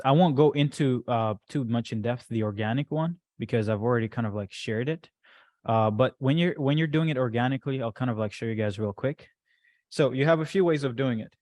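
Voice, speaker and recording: A man's voice: medium pitch, a little mellow, no echo. A man in a middle register gives a loose, chatty workshop talk, full of fillers and "right?" asides. The sound is close and dry, with no room in it. He walks a group through material on a shared screen. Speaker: business coach presenting to a group.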